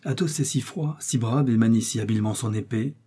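A man's voice: mid-range voice, fairly quick, dark tone, husky, lightly acted. A man voicing Aramis, a refined, pious young male musketeer who is in pain, in a read novel. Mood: weary.

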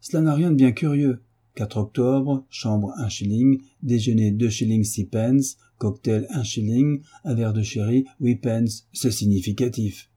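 A man's voice: medium pitch, unhurried, dark tone, breathy edge. A man voicing an irritable, sneering police inspector in an audiobook reading, with a bitter, insistent manner. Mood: scornful.

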